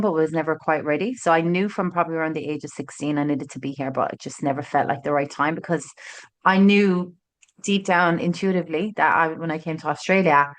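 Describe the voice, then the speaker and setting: A guest author in her late thirties from Ireland, with a County Kerry lilt, tells her story in a casual podcast interview, in person with the host in a studio. Her low voice is clear and resonant, and she's a chatty, warm storyteller who uses plenty of "like" and "um."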